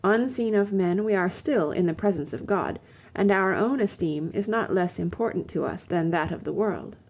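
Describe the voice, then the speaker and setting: A woman's voice: on the low side, expressive, moderate pace, a little mellow. A woman reading a humble, devoted young lover. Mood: earnest.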